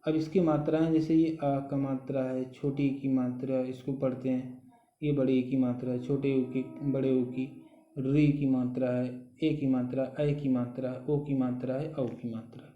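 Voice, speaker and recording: A man's voice: mid-range voice, little pitch movement. A man teaching a grammar lesson, explaining step by step and often checking in with the listener. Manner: slow, patient explaining with frequent "ठीक है" check-ins. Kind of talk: recorded Hindi grammar lesson. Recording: dull echoey room sound.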